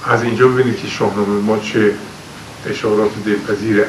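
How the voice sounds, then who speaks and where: A man's voice: lowish voice, fairly even intonation. A male teacher leads a poetry lecture, patiently unpacking old words and lifting his voice to declaim the verses. He sits far from the mic in a roomy, echoing space. A faint hiss runs under his voice.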